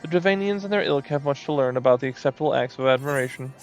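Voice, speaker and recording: A man's voice: mid-range voice, quick pace, soft background music, lightly acted. A man voicing a preening, self-adoring moogle with a haughty, affected manner.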